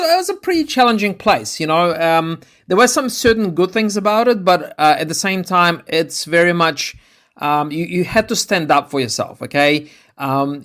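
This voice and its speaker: A middle-aged man from Ukraine hosts a podcast and tells his own story. His voice sits a little high, and he talks in a casual, hesitant way, stopping and restarting with many fillers. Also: fairly bright tone. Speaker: podcast host. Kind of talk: personal story, casual monologue.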